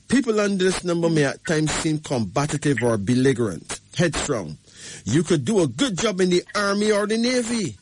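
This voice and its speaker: A Barbadian radio host with a slightly high voice delivers an emphatic numerology reading, checking in with the caller over and over by repeating "right?" The recording is rough, with a little hiss or hum.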